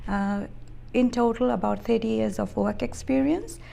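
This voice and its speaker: Woman, 50s, from Fiji; gravelly, measured, hesitant interview answers. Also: a little high, steady tone, dark tone. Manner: measured, thoughtful, many hesitations. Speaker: interview guest, business executive.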